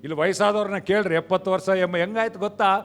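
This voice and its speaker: A male pastor preaching a sermon in a church, mixing in English phrases, swinging from quiet acted dialogue to shouted peaks. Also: high voice, steady tone, fast talker, soft background music. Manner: mixes English phrases into Kannada.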